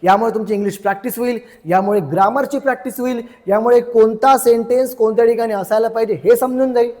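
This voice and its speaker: A man teaching English through a story, explaining each word slowly and repeating its meaning, chatty and checking in with his listeners. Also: extremely high pitch, fairly even intonation, a little mellow, long reverb tail. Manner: chatty, checks in with "ठीक आहे".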